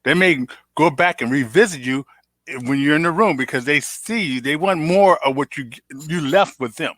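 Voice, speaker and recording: A man's voice: fairly high pitch, moderate pace, fairly bright tone, no echo. A man hosting an interview, speaking in an affirming, conversational way. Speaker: host.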